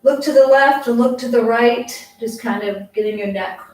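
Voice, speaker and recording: A woman from Maine leads a casual morning exercise class with an easygoing, chatty, encouraging manner and a Maine accent. Her voice is fairly high and a little mellow at normal speed, picked up by a distant mic in a very echoey space with faint noise.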